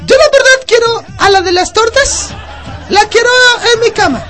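A woman doing a leering rug-seller in a sky-high voice. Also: normal speed, over music, crowd noise. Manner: rambling, stammering, leering and crude. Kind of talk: comedy radio sketch.

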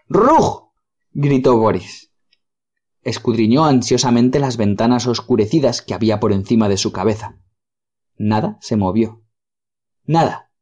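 A man narrates a story in a measured, solemn manner, his voice dark and mellow at an ordinary pitch. The recording has a dull, muffled, lo-fi sound. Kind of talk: audiobook reading.

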